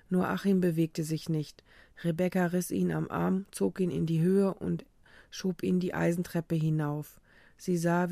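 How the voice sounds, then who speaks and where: A narrator reading a dramatic story aloud in a steady, even way. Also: medium pitch, creaky, no room sound. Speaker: audiobook narrator. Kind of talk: scripted narration.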